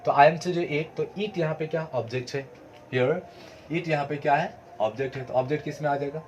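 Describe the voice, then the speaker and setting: A man's voice: on the high side, normal speed, lo-fi sound, slight background noise. Man teaching grammar, asking questions. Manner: asks questions then answers them himself. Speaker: English teacher. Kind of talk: explaining grammar to students.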